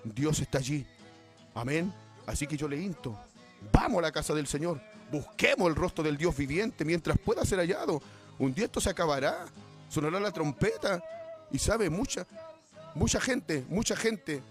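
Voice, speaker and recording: A man preaching an impassioned Pentecostal sermon as an evangelist, shouting exhortations and repeating phrases. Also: fairly high pitch, lively intonation, normal speed, soft background music.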